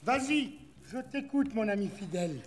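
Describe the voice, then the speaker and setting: An actor playing a naive, kindly caliph who is easily amused, in a film comedy. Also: male voice, high voice, expressive, normal speed, slight background noise. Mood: cheerful, naive. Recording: loud music behind the voice.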